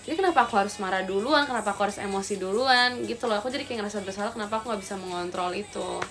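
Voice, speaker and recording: A woman's voice: mid-range voice, rapid-fire, a bit bright, faint music behind. A young woman chatting casually to her viewers on a livestream, rambling and talking to them directly. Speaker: idol livestreamer.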